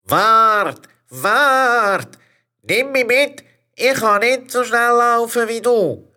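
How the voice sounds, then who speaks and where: A small male frog, played by a performer, pleads in a sing-song Swiss German voice. The tone is bright and sharp. He speaks slowly, with a lively rise and fall. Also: medium pitch, full character voice. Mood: pleading. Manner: wheedling, sing-song calls.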